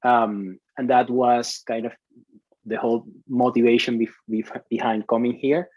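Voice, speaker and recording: A man's voice: medium pitch, flat delivery, measured pace, darkish tone, dry recording, low-quality recording. Venezuelan-born man, dry close voice. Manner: hesitant, many restarts and fillers. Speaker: CTO, interview guest. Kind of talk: conversational interview.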